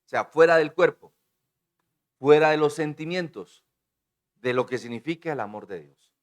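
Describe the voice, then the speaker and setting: A man preaching a sermon to his congregation, swinging between booming declarations and hushed asides and calling on the listeners to repeat his words. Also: animated, moderate pace. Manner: calls on the congregation to repeat and respond. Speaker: pastor.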